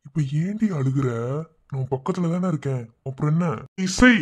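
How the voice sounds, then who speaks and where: A man voicing a calm young husband in a cartoon, gently reassuring his wife in a Madurai Tamil accent. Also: fairly high pitch, moderate pace, breathy edge. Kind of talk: cartoon voice acting.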